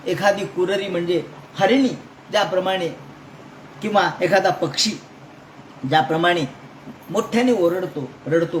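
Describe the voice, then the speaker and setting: A man from Maharashtra gives a storytelling discourse on scripture, his voice pitched high for a man. He acts out the story dramatically, shifting between voices and asides. He is recorded in an echoey room with a faint noise floor. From Maharashtra, India. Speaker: scripture lecturer.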